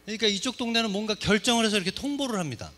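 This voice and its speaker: A man's voice: sits high, racing. A middle-aged man from Seoul gives a humorous talk to a church congregation. He jokes a lot and keeps asking the audience questions. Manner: lively, joking, asks the audience questions. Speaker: guest speaker at a church service. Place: church sanctuary.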